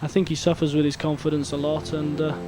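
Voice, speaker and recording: A man's voice: fairly high pitch, level tone, fast talker, music in the background. A man working as a golf commentator, giving live analysis in a conversational way. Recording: clear outdoor background noise.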